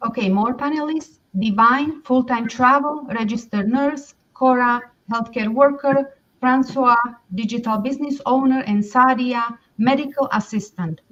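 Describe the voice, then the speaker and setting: A woman's voice: high voice, unhurried, few pauses, a bit bright. An older woman from Slovakia, a grandmother, speaking plainly as a panelist. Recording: distant, dull-sounding call audio.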